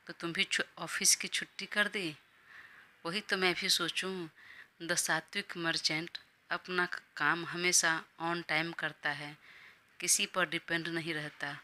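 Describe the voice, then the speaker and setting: A woman's voice: on the low side, level tone, slow, pushed and bright, heavily acted. A woman voicing a playful young man who ribs his married best friend, in an audio story. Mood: teasing. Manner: playful, ribbing.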